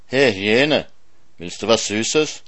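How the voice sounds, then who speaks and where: A man's voice: fairly low pitch, lively intonation, slow pace, a bit bright, dry recording. A man reading a story voices a sly hare who teases and tricks a hyena. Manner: teasing, smug, sly.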